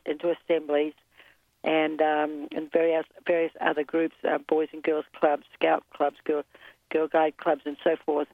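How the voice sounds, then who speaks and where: A woman's voice: low-pitched, no room sound. New woman on a tinny phone line. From New Zealand. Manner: measured, with frequent ums and uhs. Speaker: guest. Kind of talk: interview storytelling.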